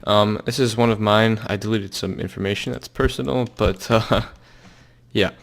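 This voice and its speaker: Low gravelly young man, loose tutorial talk. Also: fairly even intonation. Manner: loose and halting, many fillers and trailing restarts. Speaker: software tutorial maker. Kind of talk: casual screen-recorded tutorial.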